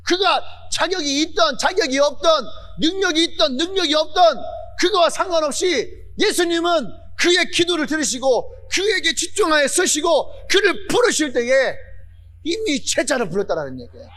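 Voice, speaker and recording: Male pastor, sermon; fervent, repetitive delivery, lively pitch swings. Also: normal speed. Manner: fervent preaching with repeated phrases, building to shouts.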